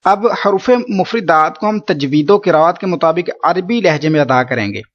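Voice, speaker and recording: A man's voice: fairly high pitch, dull audio. A man teaching Quran recitation rules in a patient, explanatory lesson, often repeating points to check understanding.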